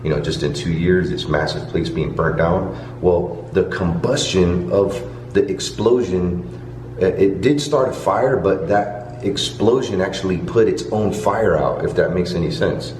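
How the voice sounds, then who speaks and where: A vlog host with a low, darkish, unhurried voice walks and talks through a large hotel, sharing ghost-tour history. His explanations are colloquial and rambling, peppered with "you know." The recording has a roomy echo, background music and slight background noise.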